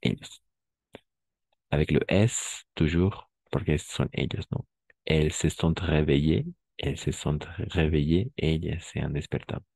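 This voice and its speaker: A man teaching a live online class, repeating phrases slowly to drill pronunciation and often checking that his students follow. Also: extremely low pitch, vocal fry, mellow, husky, no echo, clean studio sound. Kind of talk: online language lesson.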